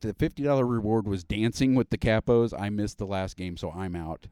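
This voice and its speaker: A man's voice: lowish voice, fairly quick, mellow, clean tone, dry recording, studio quality. A man hosting a casual podcast, rambling with fillers and restarts. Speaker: podcast host.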